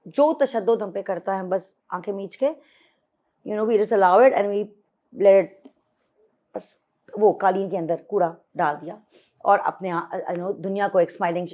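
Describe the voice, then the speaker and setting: A woman's voice: mid-range voice, dull audio. A woman in her fifties, a podcast guest, speaking candidly and reflectively in a mixed Hindi-Urdu and English conversation, with emphatic repetition. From Pakistan.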